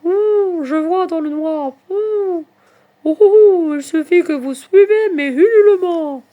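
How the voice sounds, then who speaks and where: A woman voicing an excitable female owl who keeps hooting between her words in a children's story. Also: extremely high pitch, slow pace, narrow, tinny audio, pitched above the performer's own voice. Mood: eager. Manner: hoots often between words.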